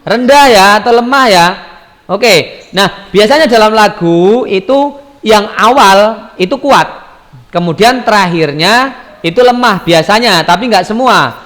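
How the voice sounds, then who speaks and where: A man's voice: high-pitched, expressive, measured pace, fairly bright tone, long reverb tail. A man teaching a primary school class online in speech, patiently asking questions and repeating the pupils' answers.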